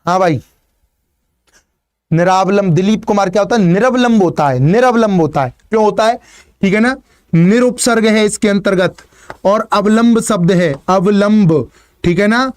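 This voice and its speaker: A man's voice: sits high, normal speed, no echo. A male teacher leading a live online exam-prep class. He repeats "ठीक है ना", explains step by step, and encourages students by name.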